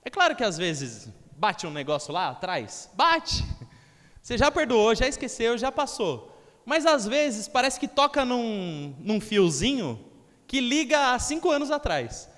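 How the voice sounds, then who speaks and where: A young man delivers a sermon in a high, light voice. He keeps it conversational and acts out the voices of the people he quotes. The long reverb of a church hall trails after his words. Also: big pitch swings, measured pace, a bit bright. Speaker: preacher.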